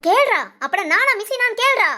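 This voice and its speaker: A woman's voice: very high voice, lively intonation, brisk, sharp tone, exaggerated voice. A woman voicing a bossy, scheming older mother-in-law in a cartoon, nagging and scolding, with Tamil village speech. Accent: Tamil Nadu village speech.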